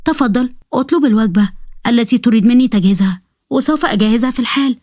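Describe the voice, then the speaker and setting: A polite robot bride speaks in stiff, mechanical, formal sentences, as a woman narrator puts her on. The voice sits clearly higher than the narrator's own. It is recorded very dry and close, and the delivery is rapid. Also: darkish tone, dry recording, close to an everyday voice. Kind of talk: storybook narration with character voices.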